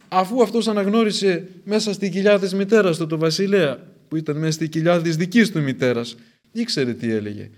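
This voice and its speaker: A male preacher delivering a sermon in a voice pitched a little above most men's. He builds his points through insistent repetition and rhetorical questions. At key moments he rises into urgent, ringing proclamation. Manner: emphatic, rising to urgent proclamation.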